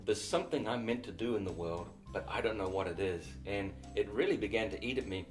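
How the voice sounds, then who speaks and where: Music plays in the background as a middle-aged New Zealander, a missionary and author, reflects on his story for an interviewer. His voice is lowish and his Kiwi accent clear, and he speaks slowly with small restarts.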